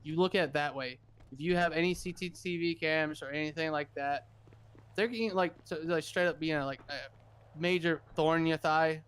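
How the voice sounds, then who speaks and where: A man's voice: a little high, fairly even intonation, normal speed, a bit bright, clear, resonant tone. A man playing a governor in a casual roleplay chat, rambling and repeating himself as he talks over others.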